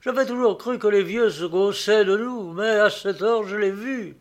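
A man's voice: high-pitched, moderate pace, voice pushed up, close to an everyday voice. A man voicing a frightened, superstitious coach driver, speaking with urgent awe. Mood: fearful.

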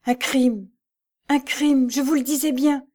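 A woman's voice: a little high, fairly even intonation, normal speed, warm tone, pitched above the performer's own voice, natural voice. A woman voicing a grief-stricken middle-aged bread carrier, raised and choked with sobs, in an audiobook. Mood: anguished. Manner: choked, sobbing, pleading.

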